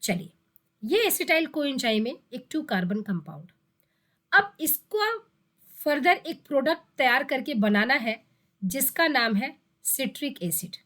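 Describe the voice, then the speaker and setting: A woman gives a biology lesson for exam students, her voice sitting high. She explains step by step, repeats terms for emphasis and poses questions to herself before answering. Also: big pitch swings, measured pace, a bit bright. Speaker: biology teacher. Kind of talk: exam-prep lecture.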